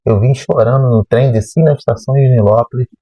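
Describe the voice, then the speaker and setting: A man, a math teacher telling a personal story in a lively way and acting out remembered dialogue. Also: medium pitch, brisk, breathy edge, dry recording, low-quality recording. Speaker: math teacher and channel host.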